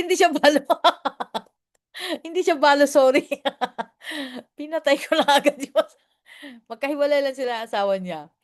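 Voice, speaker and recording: A woman pastor telling homely stories in a casual sermon. She is chatty, laughs often and slips in English phrases. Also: sits high.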